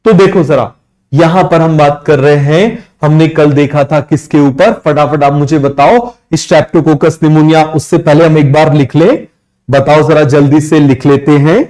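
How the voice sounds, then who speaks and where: A young man giving a live online biology lecture, quizzing his students with quick questions and answering them himself, drawing out English terms slowly. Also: on the high side, fairly even intonation, darkish tone. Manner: mixes English terms into Hindi, drawn out slowly. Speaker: biology teacher. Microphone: streaming microphone.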